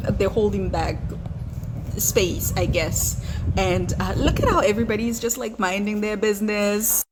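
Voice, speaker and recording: A woman's voice: mid-range voice, background noise. A woman commenting on royal news in a casual, sarcastic vlog style, with plenty of fillers. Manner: sarcastic, chatty, many fillers and laughs.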